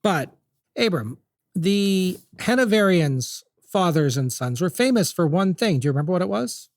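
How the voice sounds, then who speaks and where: A man's voice: high voice, lively intonation, normal speed, no room sound, clean studio sound. A man hosting a podcast, telling history in a chatty, jokey, casual way. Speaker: podcast host.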